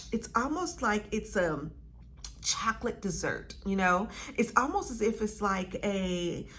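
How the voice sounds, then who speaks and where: A woman's voice: medium pitch, fairly bright tone, a little hiss or hum. A woman reviewing perfume in a casual vlog. She gushes theatrically, repeats phrases for emphasis and keeps tagging her lines with okay and honey.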